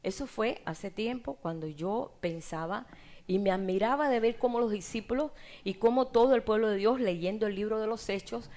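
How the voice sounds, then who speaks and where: Middle-aged Cuban woman preacher, expressive testimony delivery with rising emotional peaks. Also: mid-range voice, normal speed. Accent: Cuban Spanish. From Cuba. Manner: animated storytelling, laughs often, voice rises in emotional peaks. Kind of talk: sermon testimony.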